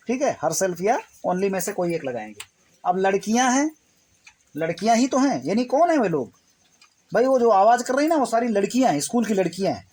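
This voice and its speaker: A spoken English teacher giving an explanatory lesson, repeating each example slowly and often checking in with the listener. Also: mid-range voice, darkish tone, husky.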